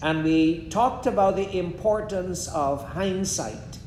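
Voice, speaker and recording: A man, preaching in short measured phrases and pausing after each one for an interpreter. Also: a little mellow. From Guyana. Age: 70s. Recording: echoey room with a faint rumble.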